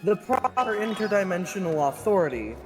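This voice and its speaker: A man's voice: high voice, very animated, fairly quick, over music. A man using a cathedral reverb voice mod while playing a stern mock prosecutor in an improvised trial roleplay. He stammers and repeats words as he scolds.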